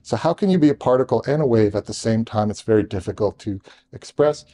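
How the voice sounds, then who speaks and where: A man's voice: fairly low pitch, warm tone. A man presenting a technical talk to a live audience in a conference room, hurrying with restarts and joking asides to the room. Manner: rushed, talking fast with restarts.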